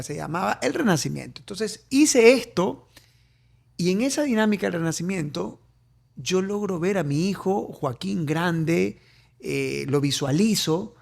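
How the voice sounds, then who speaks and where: A man's voice: high-pitched, lively intonation, moderate pace, creaky, darkish tone. A middle-aged man with an Ecuadorian accent, a coach and author, telling a personal story as an interview guest, often repeating phrases for emphasis.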